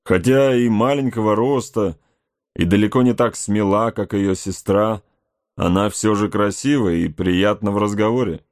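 A man reading aloud voices an aging frontier scout, shrewd and steady, speaking in a deliberate, musing way. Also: lowish voice, dry recording, clean studio sound, close to an everyday voice.

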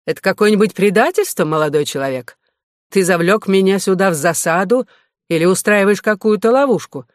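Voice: mid-range voice, animated, normal speed, no room sound, clean studio sound, natural voice. A reader voicing an affected, pompous English knight who talks in florid, mannered phrases. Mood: stern. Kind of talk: audiobook reading.

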